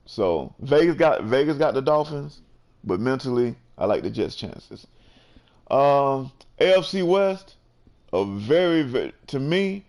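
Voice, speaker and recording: A man's voice: mid-range voice, a little mellow. A man hosting a casual sports chat, laid-back and peppering his talk with "you know". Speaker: host.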